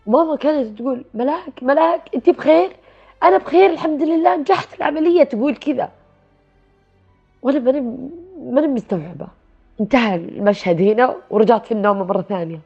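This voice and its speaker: A woman recounting a personal experience in a soft, reflective way, with pauses and restarts. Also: medium pitch. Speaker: guest telling her story. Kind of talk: personal storytelling. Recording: dull lo-fi sound with faint music.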